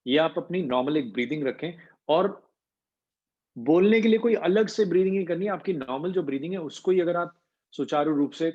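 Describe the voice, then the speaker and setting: A man with a slightly high, expressive, somewhat mellow voice coaches an online voice class at a brisk pace, explaining each point and slipping English terms into his speech. He's on a video call, and the lo-fi call audio sounds dull.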